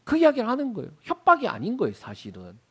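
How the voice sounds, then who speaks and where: Animated high-voiced male pastor preaching. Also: quick pace, breathy edge. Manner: animated, asks and answers his own questions. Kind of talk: sermon.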